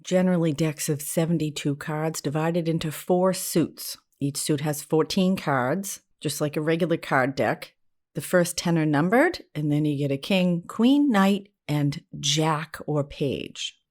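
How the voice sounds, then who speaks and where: Speaking a little slowly in a deep, slightly mellow voice, this New England podcaster, a therapist and spiritual teacher, hosts alone. The American woman keeps it conversational, frank, self-deprecating and informally worded.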